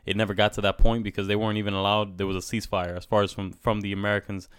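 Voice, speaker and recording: Male, lowish voice, talkative and emphatic casual conversationalist, close dry sound. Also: flat delivery, very fast, fairly bright tone, clean tone, no room sound. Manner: emphatic, talkative, says "bro" often.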